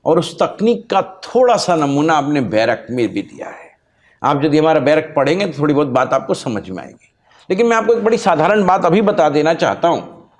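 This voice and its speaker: A male law teacher introduces his channel in lecture style, hammering key points with emphasis, repeating them, and spelling words out letter by letter. His pitch is fairly high.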